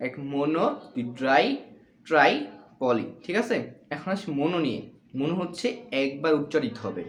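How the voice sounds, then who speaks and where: A man's voice: a little high, expressive, moderate pace. A man teaching a lesson, asking his own questions and answering them, often checking that the listener is following. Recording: echoey room, faint noise.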